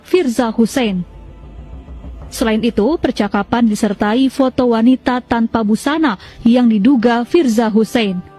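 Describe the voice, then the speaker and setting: Mellow woman narrating news. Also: on the high side. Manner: measured, even news delivery. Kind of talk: scripted narration.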